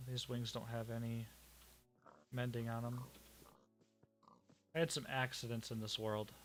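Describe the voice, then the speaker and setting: A man's voice: medium pitch, little pitch movement, a little slow, a bit bright, soft background music. Man on a voice call, uneven volume. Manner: rambling, hesitant, restarts sentences. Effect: uneven volume, mic cutting out. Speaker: gamer on a voice call. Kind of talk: casual chat. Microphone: headset or desk mic on a voice call.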